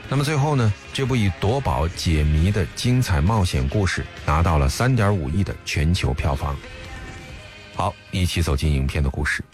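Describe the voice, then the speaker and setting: A man's voice: low voice, animated, normal speed. A man reading scripted narration as the narrator of a film programme. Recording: music behind the voice. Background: background music.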